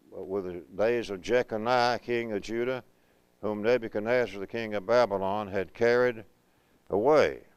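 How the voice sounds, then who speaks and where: A man teaching a Bible class at a preaching school, reading scripture slowly and then explaining it conversationally, asking his students questions. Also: on the low side, clean tone, no echo, rough recording. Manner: conversational, asks the class questions and answers them; reads verses slowly and deliberately.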